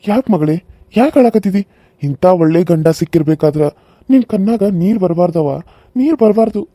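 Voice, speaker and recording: A man voicing an elderly village father in a cartoon serial, speaking in a slow, emotional, folksy way with a North Karnataka Kannada accent. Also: high voice, lively intonation, mellow, no room sound, studio quality. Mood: consoling.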